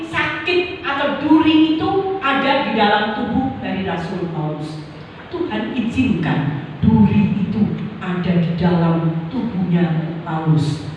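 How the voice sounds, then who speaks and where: Older woman pastor, animated sermon delivery, distant mic, big echoey hall. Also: fairly high pitch, highs cut off, slight background noise. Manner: addresses the congregation as saudara, acts out pleading prayers. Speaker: preacher. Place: church hall. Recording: echoey church hall from far off.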